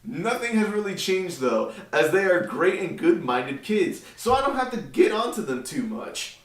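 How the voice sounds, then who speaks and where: A young man co-hosting a laid-back podcast reads an article aloud, joking, laughing often, and mock-reading quotes. His high voice swings widely in pitch at a moderate pace. The mic is distant and the room echoey.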